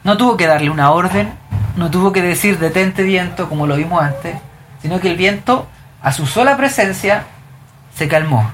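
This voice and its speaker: A woman's voice: lowish voice, lively intonation, normal speed, slight background noise. Woman leading a Bible study. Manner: asks the group questions, reads verses aloud. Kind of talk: group Bible study teaching.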